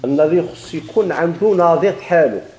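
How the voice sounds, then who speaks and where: A man's voice: fairly high pitch, brisk, darkish tone, reverberant, rough recording. A man with a Moroccan Arabic accent teaching a grammar lesson, asking questions and answering them himself with repeated examples.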